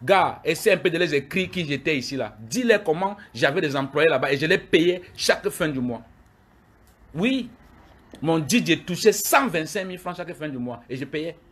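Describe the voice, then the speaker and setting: A man's voice: on the high side, animated, a little fast, hardly any pauses, fairly bright tone. A middle-aged man, ranting heatedly at his critics on a livestream and repeating himself. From Cameroon. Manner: heated, repetitive, addressing critics directly. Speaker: live video streamer. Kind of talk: angry livestream rant.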